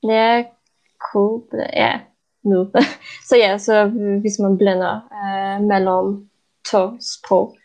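A woman from Poland, a podcast guest, talking casually in a second language with many pauses, fillers and restarts, and often laughing. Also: medium pitch, flat delivery, vocal fry, darkish tone.

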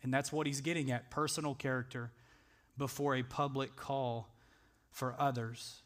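A man's voice: medium pitch, flat delivery, moderate pace, a bit bright. Earnest male pastor preaching a sermon. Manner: earnest, conversational preaching that builds to emphatic peaks. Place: church sanctuary.

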